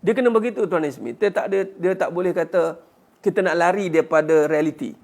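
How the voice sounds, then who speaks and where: A man's voice: high-pitched, quick pace, creaky. A man giving a religious lecture as a teacher, answering questions earnestly and punctuating his points with "ha" and rhetorical questions. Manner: earnest, urging listeners to fight back.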